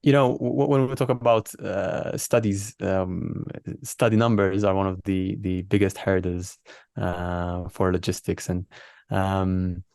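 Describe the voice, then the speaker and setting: Male doctor as interview guest. Low-pitched, dry recording, hesitant, conversational explainer. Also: little pitch movement, gravelly, a little mellow, no echo. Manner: halting, hesitant phrasing with repeated words. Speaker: doctor and researcher being interviewed.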